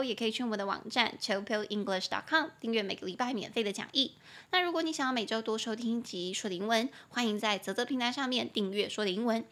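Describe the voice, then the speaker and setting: Taiwanese lady doing an english lesson podcast, chatty, spells words out slow, drills syllables. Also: mid-range voice, a bit bright. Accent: Taiwanese Mandarin. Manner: chatty, opinionated asides. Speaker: podcast host and English teacher.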